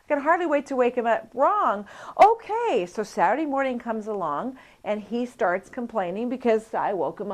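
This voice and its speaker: A woman instructor teaching a coparenting class, telling stories and acting out what people said. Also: fairly high pitch. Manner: animated storytelling, acts out quoted voices. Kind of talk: lively teaching talk with anecdotes.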